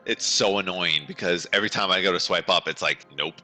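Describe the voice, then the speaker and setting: A young man in his twenties with a very deep voice co-hosts a relaxed podcast. His tone is strikingly bright and sharp, and he chats loosely, acting out his own reactions, over faint music. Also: a little fast. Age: 20s. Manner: casual, quotes his own thoughts aloud. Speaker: podcast co-host. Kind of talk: casual chat.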